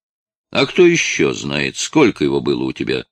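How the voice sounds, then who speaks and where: A man reading a firm calm detective. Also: extremely low pitch, moderate pace, no echo, exaggerated voice. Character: firm, steady male police detective.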